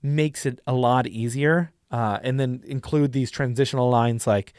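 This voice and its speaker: A man's voice: mid-range voice, fairly even intonation, normal speed, a little mellow, smooth, no room sound, clean studio sound. A young man hosting a casual tutorial, chatty and demonstrative with lots of fillers. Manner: chatty, demonstrative, lots of likes and you-knows. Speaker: YouTube host and dungeon master.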